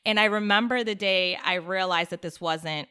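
Casual storyteller: a bright-toned American woman, animated, laughing, acting out quotes. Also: lowish voice, normal speed, smooth. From United States. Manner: animated, laughs often, acts out voices.

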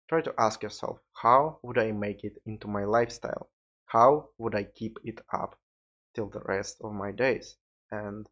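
Man, Russian accent, tired, rambling podcast talk, lowish voice, dull lo-fi sound. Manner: rambling, loose and informal, occasional swearing. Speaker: podcast host. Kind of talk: solo podcast monologue. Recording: dull lo-fi recording.

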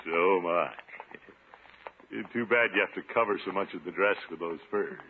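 A man's voice: deep voice, normal speed, close to an everyday voice. A man playing a boastful, jovial middle-aged uncle in a 1950s radio comedy, with a pompous, hearty, hesitating manner. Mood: flirtatious. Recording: old radio recording, narrow band, hissy.

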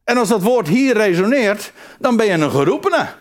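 Preaching at a moderate pace in a high voice, a man sounds animated and emphatic. He repeats phrases frequently and keeps beginning them anew.

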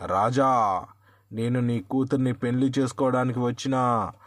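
A man's voice: medium pitch, fairly even intonation, moderate pace, dry recording, clean studio sound, close to an everyday voice. A man voicing a tiny, fearless young trickster hero in a folk tale, speaking boldly and bluntly. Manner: bold, blunt and unafraid.

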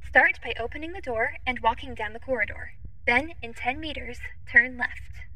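Audio drama: too-smooth female android assistant played by a woman, high, bright and crisp, polite, literal and quietly curious. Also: moderate pace, low-quality recording. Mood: helpful, curious. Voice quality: too smooth, even, formal android-like phrasing. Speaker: ship's AI assistant.

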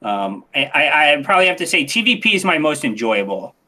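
Excitable man, bright tone, casual interview chat, frequent restarts. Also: fairly high pitch, fairly quick. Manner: animated, excitable, lots of restarts. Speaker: podcast guest, game streamer.

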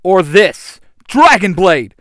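A man voicing a bold young male hero who leads the team and shouts battle calls. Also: mid-range voice, animated, a little slow, dry recording, clean studio sound. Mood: fierce.

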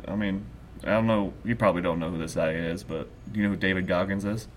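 A man's voice: sits low, fast talker, a little hiss or hum. A man talking casually as a podcast co-host, telling stories in a loose, profane, rambling way and laughing often. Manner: excitable, rambling storyteller with frequent laughs. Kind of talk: casual chat.

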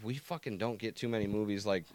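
A man's voice: fairly low pitch, quick pace. A young adult man co-hosting a podcast in casual chat, swearing and ranting animatedly about films. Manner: profane, animated movie rants with put-on impressions. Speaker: podcast co-host.

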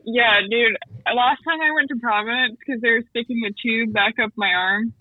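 A woman's voice: a little high, moderate pace, no room sound, phone-quality sound. A woman calling in to a podcast, telling a story casually and with animation, swearing and acting out what other people said. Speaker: caller.

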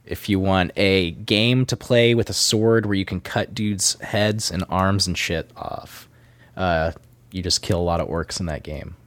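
Lower-voiced man in casual, profane chat. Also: unhurried, no echo. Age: 30s. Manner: profane, rambling. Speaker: podcast regular.

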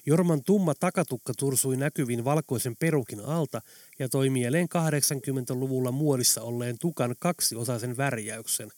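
A man narrating an audiobook in an even, steady storytelling voice. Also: medium pitch, no room sound. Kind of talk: scripted narration. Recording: dry close studio sound.

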